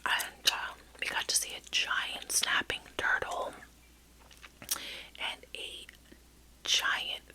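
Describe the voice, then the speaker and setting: A woman's voice: takes it slowly, long pauses, low-quality recording. A middle-aged woman whispering a rambling, hesitant ASMR story close to the mic while chewing gum. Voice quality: soft unvoiced whisper. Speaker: ASMR vlogger.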